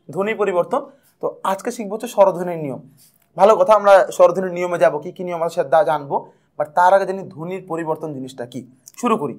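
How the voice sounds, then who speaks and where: A young man teaching an exam prep lesson, lively and playful, repeating key points. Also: high-pitched.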